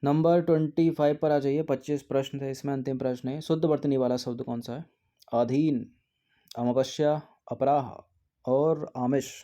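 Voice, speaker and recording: Man with a dark, mellow voice teaching. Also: medium pitch, fairly even intonation, normal speed. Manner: explains steadily, repeats words to check them. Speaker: exam prep teacher. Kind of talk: test series answer walkthrough.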